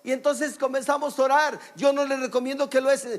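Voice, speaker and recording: A man's voice: very high voice, flat delivery, a little fast. A man with a Mexican accent preaching a sermon as pastor, emphatic, calling for amens and telling stories with many fillers. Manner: emphatic preaching, calls for amen and applause; storytelling with many "este" fillers. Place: church service.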